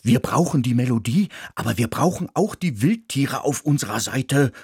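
A man's voice: medium pitch, animated, normal speed, a little mellow, slightly rough, dry recording, clean studio sound. A man voicing a male dog who speaks earnestly and insistently. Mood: urgent.

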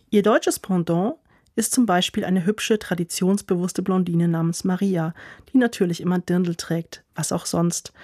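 A woman's voice: lowish voice, mellow, no room sound, clean studio sound. A woman narrating a report with a wry, ironic edge.

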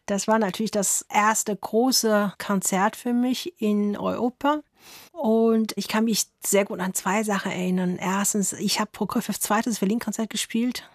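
A thoughtful violinist in her 30s answers radio interview questions as a guest in a radio studio. Her mid-range voice is unhurried, she laughs softly and makes slight grammar slips, and the recording is dry and studio quality.

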